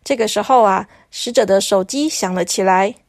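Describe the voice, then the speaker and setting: A woman narrating a children's story in a lively, animated way. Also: medium pitch, moderate pace, no room sound, clean studio sound.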